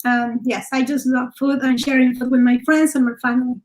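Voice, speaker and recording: A woman from Mexico City talks about her cooking in English with a Mexican Spanish accent. Her voice sits high, and she often stops to search for words and fills the gaps with "uh" and "like.". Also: level tone, a little mellow, slight background noise, low-quality recording. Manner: halting, searching for words, many fillers. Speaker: home cook guest. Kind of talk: casual show-and-tell talk.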